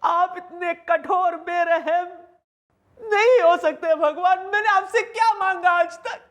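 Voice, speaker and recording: A man's voice: very high-pitched, lively intonation, normal speed, fairly bright tone. A man playing a police boss in a TV sitcom, talking in an overblown, wailing, melodramatic way. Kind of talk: TV sitcom acting.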